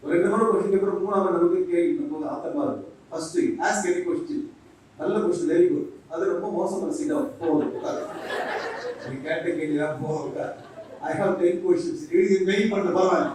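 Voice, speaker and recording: A man's voice: sits high, normal speed, darkish tone, slight background noise. A man, a monk giving a humorous lecture to teachers, joking and acting out little dialogues. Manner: jokes and acts out little dialogues, switching between English and Tamil. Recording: echoey hall from far off.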